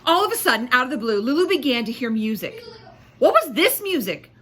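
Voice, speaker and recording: Reading a storybook to a group of children, a woman teacher speaks in a high, husky voice. She adds expressive emphasis and pauses to explain and pose questions.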